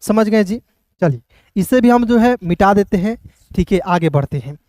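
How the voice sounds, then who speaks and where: A man's voice: high-pitched, lively intonation, normal speed, darkish tone, dry recording, clean studio sound. A man teaching an English lesson to viewers in a classroom style, explaining step by step and often asking questions and calling them friends. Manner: frequently addresses listeners as friends.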